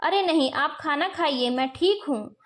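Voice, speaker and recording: Woman voicing a gentle patient wife. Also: high voice, a little slow. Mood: soft, placating. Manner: soft and placating. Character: patient, soft-spoken wife and mother.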